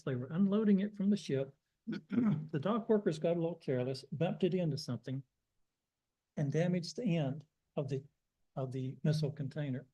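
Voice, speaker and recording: A man's voice: on the high side, warm tone, husky, rough recording. An older American man telling folksy, self-deprecating stories in a sermon. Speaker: guest preacher. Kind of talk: storytelling sermon.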